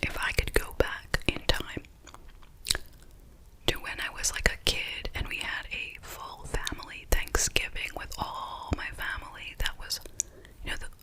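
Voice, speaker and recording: A woman's voice: measured pace, low-quality recording. Whispering ASMR woman with gum-chewing mouth sounds. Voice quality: soft breathy whisper. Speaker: ASMR video host. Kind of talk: ASMR whispering, casual Q&A chat.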